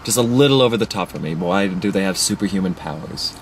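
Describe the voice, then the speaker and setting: A man casually giving opinionated film critique, halting and full of fillers. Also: low-pitched, animated, a little hiss or hum, rough recording. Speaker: movie reviewer. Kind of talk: casual chat.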